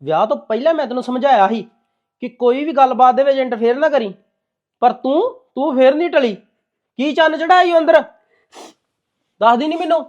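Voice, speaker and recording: An actor playing a stern young husband who scolds his new wife. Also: very high voice. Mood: scolding. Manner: scolding, rapid, reproachful. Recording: dull lo-fi sound with music behind.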